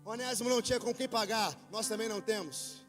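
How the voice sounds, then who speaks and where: A male pastor with a Brazilian Portuguese accent preaching a sermon, telling a story quietly and then building to shouted preaching. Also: sits high, fast. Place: church hall with worship band. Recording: long hall reverb with faint music.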